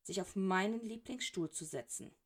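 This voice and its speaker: A woman's voice: medium pitch, normal speed, husky, natural voice. A woman reading as a suspicious, indignant younger male wizard in a storybook, close to her own voice. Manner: hissing, indignant. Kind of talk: audiobook character reading.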